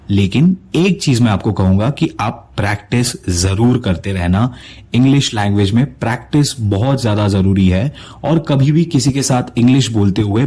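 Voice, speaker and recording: A man teaching English pronunciation to viewers in a recorded lesson, slowly sounding out each word and encouraging them to keep practicing. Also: fairly low pitch, a little mellow, husky. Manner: encouraging, addresses viewers directly.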